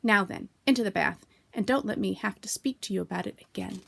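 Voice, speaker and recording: A woman voicing a motherly female kangaroo who talks in a brisk, soothing way, in a storybook reading. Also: mid-range voice, creaky, pushed and bright, heavily acted.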